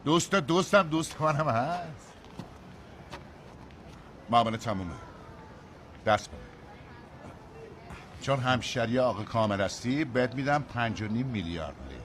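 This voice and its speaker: A slick used-car dealer, voiced by a man, presses for the sale with a lively, animated pitch. He sounds persuasive and pushy. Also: long pauses, a little hiss or hum, natural voice. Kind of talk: dubbed film acting.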